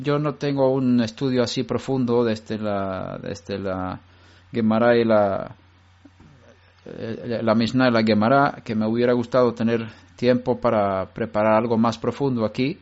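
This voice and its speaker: A man giving an unscripted religious lesson to a study group, explaining step by step in a measured way and often restarting his sentences. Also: medium pitch. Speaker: Bible study teacher. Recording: dull lo-fi recording.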